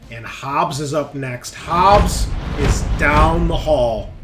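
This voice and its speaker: Over background music, a man serving as game master in a tabletop roleplaying game narrates the action and explains the rules. His voice leans high, and he takes his time.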